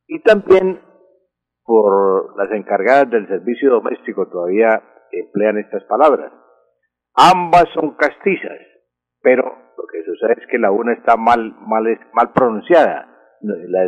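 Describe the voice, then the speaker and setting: A man with a husky voice explaining word usage on a radio segment, repeating words for emphasis. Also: mid-range voice. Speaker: language expert answering listener questions. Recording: dull lo-fi radio recording.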